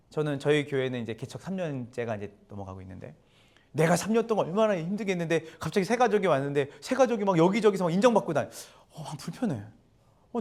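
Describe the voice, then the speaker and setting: A man's voice: a little high, a little mellow. A male pastor giving a sermon in a church, chatty and conversational, often putting questions to the congregation. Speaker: guest pastor. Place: church sanctuary.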